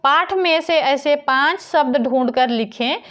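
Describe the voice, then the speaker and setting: A woman teacher reading out textbook answers, dictating each answer slowly and deliberately. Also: high-pitched, fairly bright tone.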